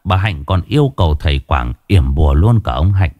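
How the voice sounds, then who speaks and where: A man narrates a dramatic tale in a deep, lively voice that rises and falls with the story. The recording is dry and close, with faint music beneath. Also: normal speed, dry recording, dull audio.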